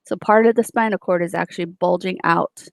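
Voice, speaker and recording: Low, gravelly-voiced woman lecturing. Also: steady tone, a little fast, no room sound. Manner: explanatory, with frequent fillers and self-corrections. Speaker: nursing instructor. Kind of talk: recorded lecture.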